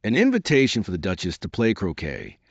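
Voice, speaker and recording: A man's voice: fairly low pitch, brisk, no room sound, heavily acted. Storybook frog footman, solemn and indifferent; a male narrator reads him. Dull lo-fi sound. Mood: deadpan. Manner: flat, solemn and matter-of-fact.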